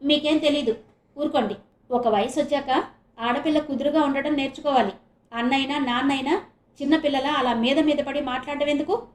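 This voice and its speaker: A woman voicing an irritable, anxious middle-aged mother who snaps and shouts at her family in an audiobook novel. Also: high-pitched, fairly even intonation, a little fast, reverberant, natural voice. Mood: resentful. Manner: sharp scolding shouts.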